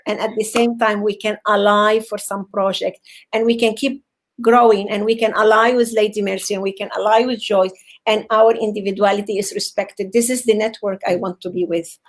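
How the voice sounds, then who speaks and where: Her voice is medium-pitched with fairly even intonation, captured in a low-quality recording. She is a psychotherapist from Venezuela speaking as a guest on a video call, offering an earnest motivational talk that halts and repeats words as she gropes for phrasing.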